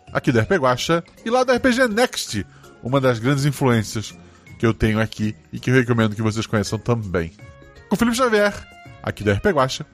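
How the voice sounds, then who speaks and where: A Brazilian man hosts and narrates as a game master. His mid-pitched voice is very animated, rising and falling as he tells the story. Soft music sits behind him. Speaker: podcast host and game master.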